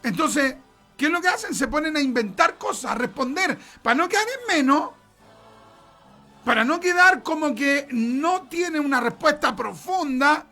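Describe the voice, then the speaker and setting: A man's voice: extremely high pitch, animated, normal speed, bright, forceful tone, faint music behind. A middle-aged man with a Chilean accent preaching a sermon, emphatic, repeating words for stress and acting out conversations. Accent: Chilean Spanish.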